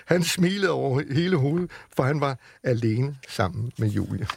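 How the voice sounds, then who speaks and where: A man on the radio, reading a children's book aloud with lively storytelling in a studio. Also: mid-range voice, vocal fry, slight background noise. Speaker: radio reader.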